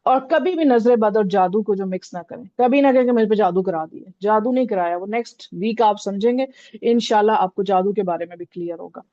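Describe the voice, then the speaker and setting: Woman, religious lesson, conversational teacher, mellow voice, dry close sound. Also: mid-range voice, a little fast, dry recording, dull audio. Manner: conversational, repeats "theek hai" often. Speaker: Islamic teacher.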